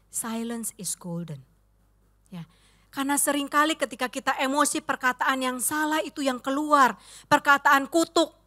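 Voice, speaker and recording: A woman pastor preaching a sermon, telling anecdotes and acting out the voices of the people in them. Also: fairly high pitch. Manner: animated storytelling, acting out quoted voices; addresses the congregation as "saudara".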